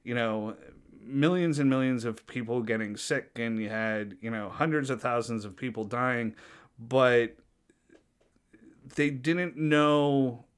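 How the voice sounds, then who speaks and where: Smooth-voiced rambling paramedic man. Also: mid-range voice, slow pace. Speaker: flight paramedic guest. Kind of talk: casual chat.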